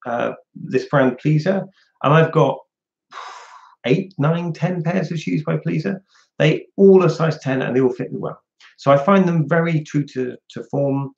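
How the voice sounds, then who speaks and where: This livestream host has a fairly high voice with vocal fry and a darkish tone. Speaking frankly from indoors at home, he answers viewers' questions over dull, lo-fi stream audio.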